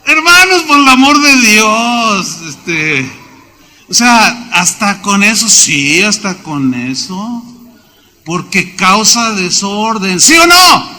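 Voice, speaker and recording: A man with a Mexican accent preaching a sermon, telling stories with lively exclamations and acted-out claps in a church auditorium. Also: high-pitched, takes it slowly. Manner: animated storytelling, acts out exclamations and claps. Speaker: pastor. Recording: large reverberant church hall.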